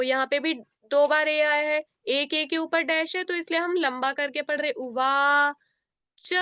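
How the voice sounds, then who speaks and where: An Indian woman teaching a children's class over a video call, explaining slowly and patiently step by step. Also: sits high, fairly bright tone, no room sound. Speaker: online teacher. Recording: dull lo-fi video call audio.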